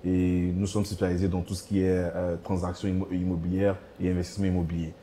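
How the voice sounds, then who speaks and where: A man in his thirties from Côte d'Ivoire introduces himself calmly on a talk show. His voice is very deep, mellow and quite flat, and he speaks in an orderly way. A faint background hum sits under it. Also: quick pace. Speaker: guest.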